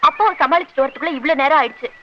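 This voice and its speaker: A woman's voice: sits high, rapid-fire, a little hiss or hum, lightly acted. An actress playing a spirited young woman dancer who teases playfully, in a 1980s film drama. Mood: teasing. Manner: teasing, playful. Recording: dull lo-fi film soundtrack.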